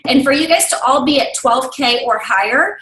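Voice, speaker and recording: A woman's voice: sits high, moderate pace, roomy sound, a little hiss or hum, rough recording. A woman in her thirties, a team leader talking frankly on a video call, confiding and tearful, sniffling at times. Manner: warm, open, confiding, with small laughs. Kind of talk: casual talk on a video call.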